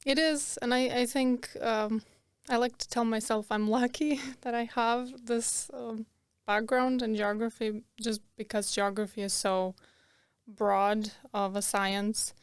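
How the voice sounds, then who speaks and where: Young woman from Croatia, guest; smooth, even delivery, chatty with frequent laughs. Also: a little high, measured pace, no room sound, clean studio sound. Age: young adult. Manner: chatty, laughs often, many fillers. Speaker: podcast guest. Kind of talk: casual interview.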